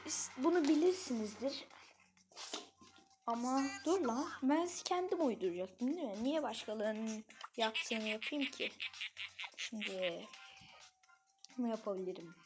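A woman giving excitable, easily frustrated commentary on a mobile game she plays, talking straight to her viewers. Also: a little high. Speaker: gaming channel host. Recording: clear background game music.

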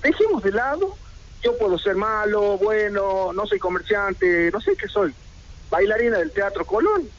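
Seated indoors in a red armchair, a middle-aged Argentine merchant addresses local radio in Argentine Spanish with an indignant protest statement, firing off one rhetorical question after another. His high voice is sing-song and a little slow. The broadcast audio is lo-fi, with slight background noise.

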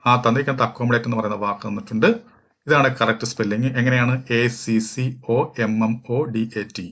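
A man from Kerala, walking through exam questions as a teacher, reading each question slowly and explaining at length with fillers. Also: mid-range voice, steady tone, fairly bright tone. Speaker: English teacher for exam prep. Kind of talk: exam question walkthrough lesson.

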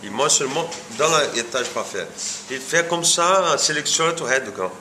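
His voice sits in the mid range, bright and forceful with lively intonation. He is a coffee farm owner in his forties with a Brazilian accent, interviewed informally while seated before a camera in a clearly noisy room. Explaining in non-native French, he halts often, searching for words and repeating them.

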